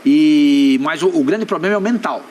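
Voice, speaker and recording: A man with a Brazilian accent on a studio sports debate panel, talking conversationally and dropping low and quiet when he muses. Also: normal speed, slight background noise. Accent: Brazilian Portuguese.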